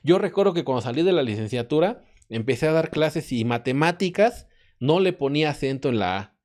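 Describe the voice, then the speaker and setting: A man's voice: fairly high pitch, animated, brisk, darkish tone. A man with a Mexican accent, a math and physics professor, talking as a guest in a casual podcast conversation. He thinks aloud, often hesitating and restarting.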